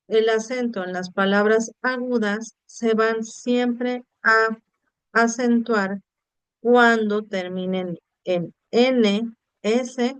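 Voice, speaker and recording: A woman gives an online lesson, her voice smooth and resonant. She explains patiently and keeps checking with her students, in a dry close sound with no room echo. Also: on the high side. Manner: explanatory, addresses students directly with rhetorical checks. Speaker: teacher. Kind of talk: online class lecture. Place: online video session.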